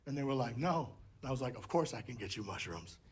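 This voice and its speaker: A man doing stand-up comedy, telling stories with animated, shouted impressions. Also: mid-range voice, fast. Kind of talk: stand-up storytelling.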